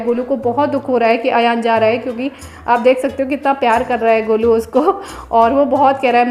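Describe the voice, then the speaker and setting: Woman, fairly high voice, casual vlog voice-over, chatty, homely, faint music behind. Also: a little mellow. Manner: chatty, homely, explains step by step. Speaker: vlogger.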